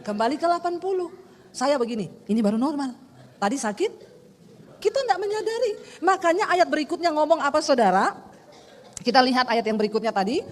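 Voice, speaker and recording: High-voiced woman pastor preaching in a hall. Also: fast talker. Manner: lively, humorous storytelling, addresses congregation as saudara. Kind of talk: sermon. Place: church hall. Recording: reverberant hall with faint music.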